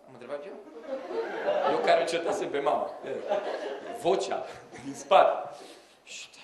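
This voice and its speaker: A man telling comic stories to a live audience, acting out the people in them and talking to the crowd. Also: a little high. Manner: animated, acts out quoted voices, addresses the audience directly. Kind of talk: live comic storytelling monologue. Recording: roomy hall, audience audible.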